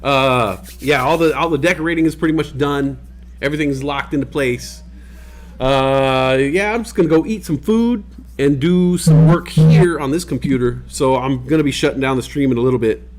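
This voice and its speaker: A man's voice: mid-range voice, moderate pace. A man hosting a livestream in a casual, rambling chat full of fillers, with the hiccups. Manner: laid-back, rambling with many fillers. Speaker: livestream host. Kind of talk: casual chat to stream viewers. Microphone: desk microphone.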